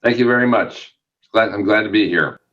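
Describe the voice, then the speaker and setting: A man's voice: on the low side, moderate pace, a bit bright, muffled recording. A man who is an executive at a research institute, answering interview questions formally with some filler sounds. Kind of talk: studio interview.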